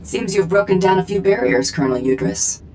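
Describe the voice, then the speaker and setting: Tough bounty hunter, video game, cocky, terse, blunt, faint background noise. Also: male voice, high-pitched, expressive, fairly quick, a little mellow, poor audio. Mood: composed.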